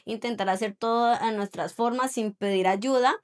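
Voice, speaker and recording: A woman's voice: on the high side, moderate pace, clean tone. A middle-aged woman co-hosting a faith podcast, speaking in a reflective, conversational way. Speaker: podcast co-host. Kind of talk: casual faith podcast chat.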